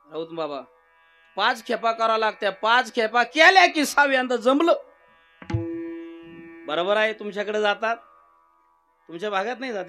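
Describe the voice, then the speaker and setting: A man preaches a kirtan, telling animated stories and joking with the crowd. His voice is very high and bright. Soft devotional music plays behind him. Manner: animated storytelling, jokes and questions to the audience. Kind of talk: humorous devotional kirtan sermon.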